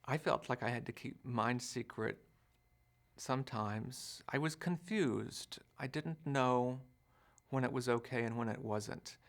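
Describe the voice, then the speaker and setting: A man's voice: mid-range voice, unhurried, creaky. A man in his sixties talks in a documentary interview, searching and questioning himself as he remembers. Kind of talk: reflective interview.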